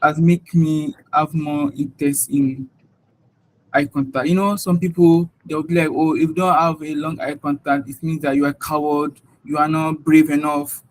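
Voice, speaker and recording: Young Nigerian-accented man, interviewee, slightly high voice, hesitant, casual. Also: flat delivery, moderate pace, low-quality recording. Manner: hesitant, searching for words.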